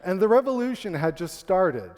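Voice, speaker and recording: On stage in a large hall, a Canadian man tells a comic, self-deprecating story, his voice sitting high, very animated, a little mellow, and at a moderate pace. Long hall reverb trails his words.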